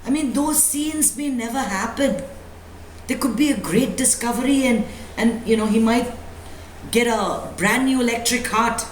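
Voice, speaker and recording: A woman with a fairly high voice speaks at a measured pace as a spiritual teacher, giving an emphatic, motivational address. Rhetorical questions and repetition fill her talk, delivered live in an echoey indoor room with faint background noise.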